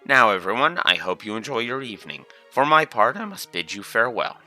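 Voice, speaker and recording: Man as scheming castle noblewoman, formal, condescending, bright edge, game villain. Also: mid-range voice, big pitch swings, a little fast, faint music behind. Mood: polite command. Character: polite, scheming, haughty woman of rank in a castle.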